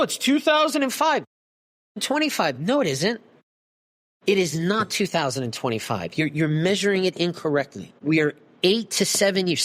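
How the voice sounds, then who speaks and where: A passionate man holding forth as a podcast guest, his voice sitting a little high for a man. He talks emphatically and with heat, throwing in a swear word here and there. He is heard over a video call. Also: fairly bright tone. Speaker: guest expert.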